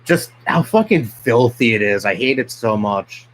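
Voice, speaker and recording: A man's voice: medium pitch, lively intonation, normal speed, slight background noise, poor audio. A young man from New York City, a streamer ranting bluntly and profanely in casual live-stream chat. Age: young adult.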